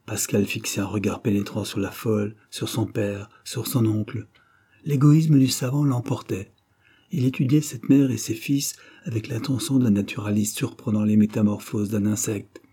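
A man narrating a novel in a dramatic, expressive reading. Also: on the low side, moderate pace, slightly rough. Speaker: audiobook narrator. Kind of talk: scripted literary narration.

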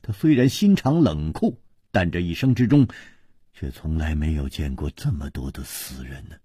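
A man telling a martial-arts novel as a radio story, with sweeping dramatic rises and falls in loudness and pitch. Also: expressive, moderate pace, no echo, studio quality. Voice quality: husky.

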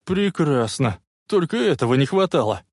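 A man voicing an excitable young man who shouts urgently and frantically to his friend. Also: on the high side, normal speed, dry recording, clean studio sound. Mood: frantic yelling.

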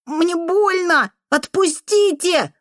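A woman's voice: expressive, slow, a little mellow, no echo, clean studio sound. A woman voicing a frightened boy of about nine who whimpers and pleads in tears. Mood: crying, pleading. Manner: sobbing, shrill pleading.

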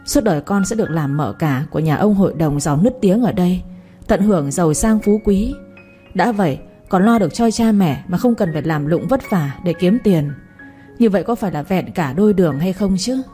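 A woman's voice: lowish voice, expressive, fairly quick, dark tone, soft background music, close to an everyday voice. A woman voicing a bossy, scheming middle-aged stepmother who scolds and wails theatrically in a storybook reading. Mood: scolding.

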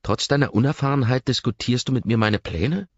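A man's voice: mid-range voice, a little fast, dry recording, dull audio, pitched above the performer's own voice, lightly acted. A man voicing an intense, controlling rich young man, with a pressing, urgent way of talking in an audiobook reading. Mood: pressing, agitated.

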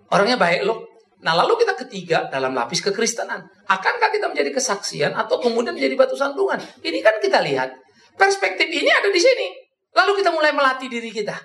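A man preaching a sermon, animated, swinging between soft and loud, joking and acting out his own old quarrels. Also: very high voice, reverberant. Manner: jokes and acts out his own past quarrels.

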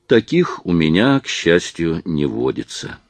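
A man voicing a cheerful young woman actress with a lively, teasing manner. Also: low voice, measured pace, gravelly, dry recording, heavily acted.

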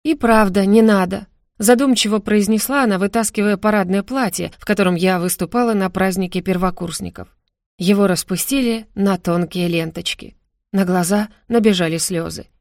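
A woman narrating a first-person novel as an audiobook, in an expressive, lively manner. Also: medium pitch, moderate pace, no room sound, studio quality.

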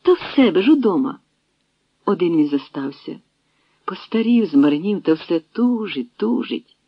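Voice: mid-range voice, sing-song, moderate pace, no room sound. A reader voicing an elderly woman servant who gasps and whispers with a trembling voice, in an audiobook reading. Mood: fretful. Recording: dry, dull lo-fi sound.

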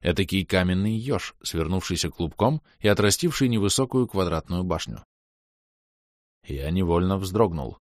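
A man reading a fantasy novel aloud in a wry, lively storytelling manner. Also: low voice, normal speed, no echo, studio quality. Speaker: audiobook narrator. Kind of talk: scripted narration.

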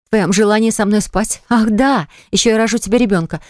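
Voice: mid-range voice, fairly quick, no room sound, studio quality, pitched above the performer's own voice, lightly acted. A reader voicing a hurt, indignant young pregnant woman who reproaches her fiancé in an audiobook. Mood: mocking.

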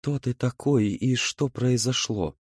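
A man voicing a weary, cold young witch girl who speaks quietly and slowly in an audiobook. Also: medium pitch, animated, dry recording, studio quality, voice pushed up. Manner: quiet, slow, subdued.

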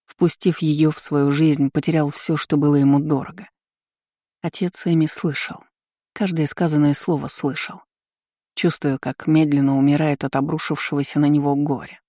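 A woman reading a dramatic short story aloud as an audiobook narrator, with an expressive delivery. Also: low voice, normal speed, no echo, studio quality.

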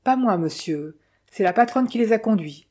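A woman's voice: mid-range voice, expressive, normal speed, mellow, natural voice. A woman voicing a timid young male hotel porter who answers hesitantly, in a storybook reading.

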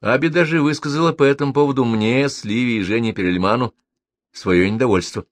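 A man's voice: medium pitch, fairly quick, no echo. A man reading a novel aloud as narrator, wry and ironic. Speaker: audiobook narrator. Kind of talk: literary audiobook reading.

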